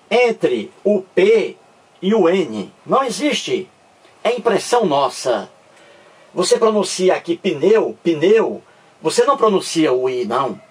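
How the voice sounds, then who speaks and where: A male teacher explains a grammar point slowly and patiently, his voice lively in pitch and a little husky. He keeps checking that his listeners follow, and he sounds distant from the microphone. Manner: slow, repetitive, checks understanding with the class. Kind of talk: grammar lesson.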